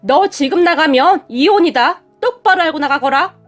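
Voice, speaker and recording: Woman putting on a shrill bullying mother-in-law. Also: lively intonation, normal speed, soft background music. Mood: cold threatening. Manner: shrieking, scolding.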